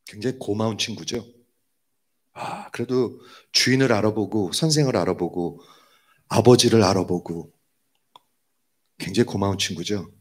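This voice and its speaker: A man's voice: lowish voice, normal speed, long pauses. A man preaching a sermon as a pastor, emphatic, often asking the congregation rhetorical questions.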